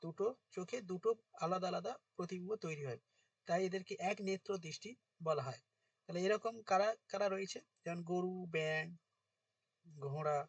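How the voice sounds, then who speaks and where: A male teacher, dictating notes and quizzing students in an informal lesson, his voice going hoarse. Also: high-pitched, normal speed, no room sound, far from the mic. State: voice getting hoarse.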